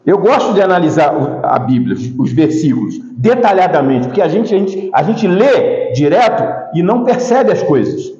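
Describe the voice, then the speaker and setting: A man's voice: high-pitched, big pitch swings, moderate pace, warm tone. A man preaching an informal sermon, chatting with the congregation through frequent asides and restarts, then rising into emphatic preaching. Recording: echoey hall, dull lo-fi sound.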